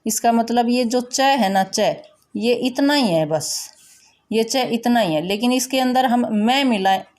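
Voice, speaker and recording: A woman teacher explaining a school lesson slowly and patiently, repeating her instructions. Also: fairly high pitch, expressive, a little mellow. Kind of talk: recorded classroom lesson.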